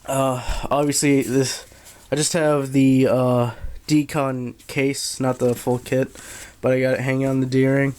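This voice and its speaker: Pausing frequently, a man delivers a low-key, halting review of military surplus gear from his collection, unscripted and casual. The audio comes from a handheld camera and carries a steady background hum.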